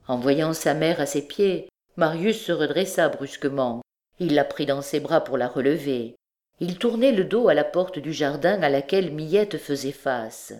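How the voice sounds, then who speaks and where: A woman reading a classic novel aloud as an audiobook, in steady, expressive storytelling narration. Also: deep voice, measured pace. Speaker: audiobook reader.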